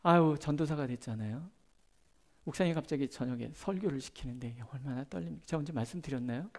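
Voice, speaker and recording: A middle-aged man preaching a prayer-meeting sermon as a pastor, chatting through personal stories and moving between loud emphasis and soft, hushed asides. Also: on the high side, fast talker. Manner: conversational, tells personal stories with gestures.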